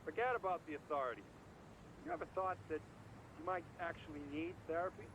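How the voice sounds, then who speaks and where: A man's voice: a little high, brisk, noisy background, close to an everyday voice. A man playing a frank, encouraging lawyer in a video game, persuasive and a little chiding. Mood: frank, urging. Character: frank, encouraging male lawyer advising his client.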